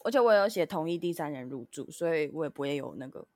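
A woman's voice: low-pitched, quick pace, no room sound, clean studio sound. A woman co-host, telling an annoyed story in casual chat. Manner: animated, frustrated storytelling. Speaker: podcast co-host.

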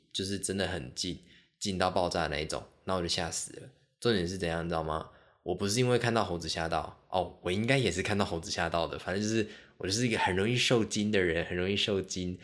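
Podcast host, male, very low voice, animated and self-mocking solo storyteller.

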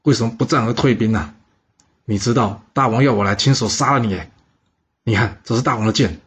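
A man voicing a husky, scheming general. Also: mid-range voice, fairly quick. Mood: urging. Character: cautious, scheming older brother, a general. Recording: dull lo-fi recording.

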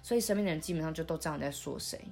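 A young woman, recalling her past in a soft, halting way, with many restarts, as she hosts a podcast. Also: low-pitched, soft background music. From Taiwan. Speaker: podcast host. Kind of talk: intimate conversational storytelling.

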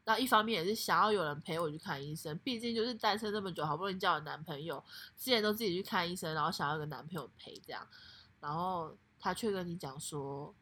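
A young woman co-hosting a podcast in casual chat, animated and breaking into high laughing outbursts. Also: quick pace, husky. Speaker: podcast co-host.

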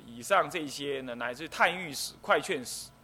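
A fairly high-pitched man speaking at a moderate pace, this middle-aged Buddhist abbot from Taiwan explains the precepts in stages. He acts out people's likely remarks in a lively way, and the recording carries faint background noise.

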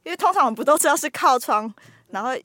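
A young woman, a podcast host casually telling ghost stories with lively suspense. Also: sits high, racing, no room sound, clean studio sound. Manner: lively storyteller, builds suspense.

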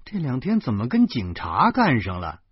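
A man narrating a novel in the first person, lively and exclamatory. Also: mid-range voice, normal speed, husky, no room sound. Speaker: audiobook narrator. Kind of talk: storytelling narration. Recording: dull lo-fi recording.

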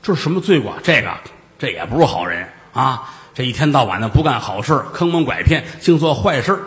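Guy doing solo comedy storytelling, super animated, echoey room. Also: mid-range voice, fairly quick. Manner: animated, playful asides, acted-out shouts. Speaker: comic storyteller. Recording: reverberant room.

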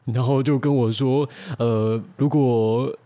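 A man's voice: medium pitch, fairly even intonation, slow, dark tone, lightly acted. A man voicing a chubby college girl. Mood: sheepish.

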